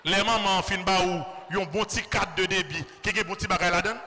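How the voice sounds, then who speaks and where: A man with a Haitian accent, a priest delivering a fervent sermon in church and often shouting out to the congregation. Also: high-pitched, fairly even intonation, fast, a crowd in the background. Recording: loud background noise.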